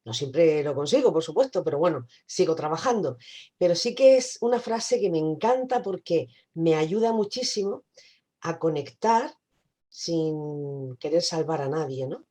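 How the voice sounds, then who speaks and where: A woman with a lowish, warm voice, talking things over on a coaching podcast. She is reflective and unhurried and pauses softly as she thinks. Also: expressive. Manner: reflective, thoughtful, with soft hesitations. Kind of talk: casual podcast discussion.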